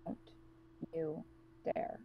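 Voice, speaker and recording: Woman playing a blunt, monotone loner. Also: medium pitch, moderate pace, narrow, tinny audio, a little hiss or hum, close to an everyday voice. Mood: cold. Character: cold, guarded woman trapped with strangers.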